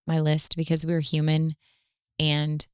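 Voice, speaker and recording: A woman with a notably low voice talks earnestly and reflectively on a faith-based family podcast, pausing on fillers as she thinks aloud. The sound is close and dry, with no room around it. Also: completely flat delivery, a little mellow, smooth, no echo. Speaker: podcast co-host.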